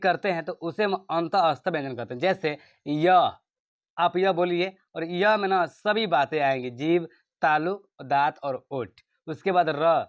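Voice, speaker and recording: A young man teaching an exam revision lesson, repeating his own questions and answering them, calling his students brother. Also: fairly high pitch. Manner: chatty, calls students brother.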